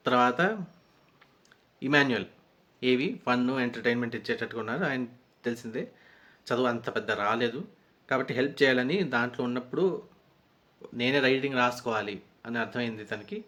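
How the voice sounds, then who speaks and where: A man's voice: medium pitch, a bit bright. A man giving a rambling, conversational recap of a reality show episode as a reviewer. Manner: rambling, conversational retelling with frequent restarts.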